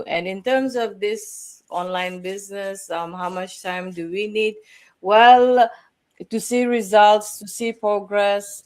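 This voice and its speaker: A middle-aged woman from Fiji, a guest panelist speaking in a measured, slightly halting way. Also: medium pitch. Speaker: guest panelist, finance professional and mentor.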